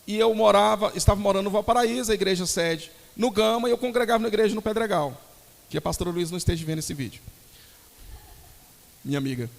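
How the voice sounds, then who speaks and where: A young Brazilian man preaching a sermon to his congregation, telling lively stories and calling them brothers. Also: high-pitched, fast, gravelly, in a large hall. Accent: Brazilian Portuguese. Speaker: pastor.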